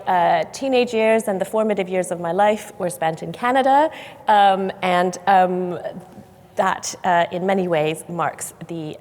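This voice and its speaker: Low-voiced woman historian, echoing hall. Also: a little mellow. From Hong Kong. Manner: thoughtful, many um fillers. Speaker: public historian, panelist. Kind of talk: panel seminar remarks. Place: large church hall. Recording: long hall reverb.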